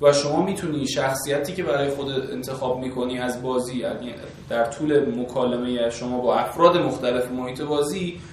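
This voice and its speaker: A man's voice: mid-range voice, fairly even intonation, slight background noise. A man interviewing a scholar, asking probing questions and thinking aloud with hesitations. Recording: echoey, far from the mic, faint ambience.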